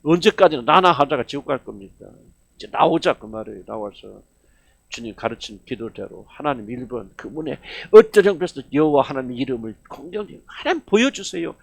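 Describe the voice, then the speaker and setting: A man, senior pastor of his church, preaching an emphatic sermon with rhetorical questions. He swings between loud exclamations and hushed asides. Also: medium pitch, lively intonation, a little fast, creaky. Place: church service.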